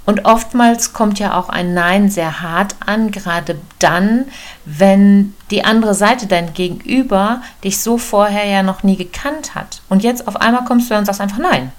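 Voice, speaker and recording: A woman's voice: medium pitch, a little slow. A woman giving a personal, direct self-help talk that speaks to the listener as a friend. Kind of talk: casual coaching monologue. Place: room indoors with a door.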